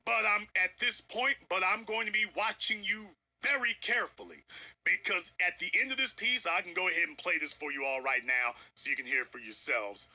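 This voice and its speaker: A man with a high, piercingly bright voice and a husky rasp delivers a livestream commentary rant. He talks in an emphatic, preachy, confrontational way and hammers points home by repeating them. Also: fairly quick. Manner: emphatic, repeats lines for effect. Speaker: online political commentator.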